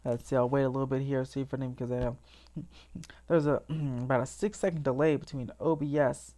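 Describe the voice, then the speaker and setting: A woman's voice: extremely low pitch, fairly even intonation, brisk, dark tone. A woman hosting a casual theme park livestream, chatty and enthusiastic, sleepy and yawning, with frequent restarts and small laughs.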